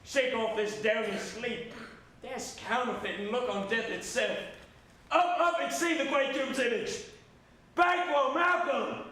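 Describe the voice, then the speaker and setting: Man acting high-pitched, hammy, horror-stricken stage nobleman. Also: unhurried, pushed and bright, full character voice. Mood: urgent alarm. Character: horror-stricken nobleman raising the alarm over murder. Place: indoor stage performance. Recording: echoey theatre, distant microphone, faint noise.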